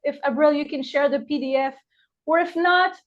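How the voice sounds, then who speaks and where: This Moroccan woman, an herbalist, speaks in a high, steady voice at a moderate pace. She runs a heartfelt live workshop online from her apothecary via video call, using lots of fillers, and the sound is dull and lo-fi.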